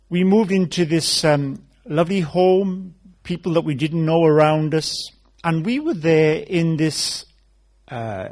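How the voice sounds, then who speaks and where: A man from South Wales with a Welsh accent, a guest preacher giving a conversational sermon told as stories with gentle humor. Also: a little high.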